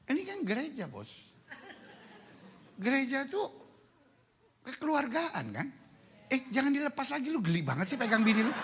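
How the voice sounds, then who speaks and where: A man's voice: very high-pitched, sing-song, normal speed, long pauses, a bit bright, a little hiss or hum. A middle-aged male pastor, preaching a humorous sermon in a church hall, teasing the congregation in colloquial slang. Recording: long church hall reverb.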